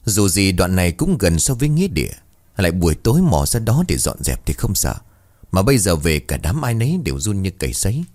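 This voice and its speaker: Low-voiced man telling a ghost story. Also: fairly quick. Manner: dramatic, expressive storytelling. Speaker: narrator.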